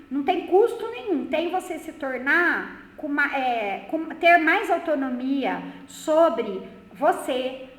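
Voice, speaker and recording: A woman's voice: high-pitched, fairly bright tone. A middle-aged woman from Brazil, a psychotherapist and spiritual teacher, giving a chatty talk to a live group and talking straight to them, often acting out the voices of the people she quotes. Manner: chatty, addresses the group directly and often, acts out quoted speech. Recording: echoey room.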